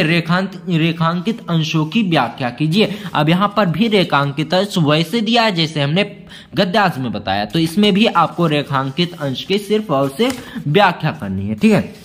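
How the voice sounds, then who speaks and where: A male teacher walking students through exam questions, calling them friends and saying "theek hai" often, reading verse lines slowly. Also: fairly high pitch, a bit bright. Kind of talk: exam-prep lesson walkthrough.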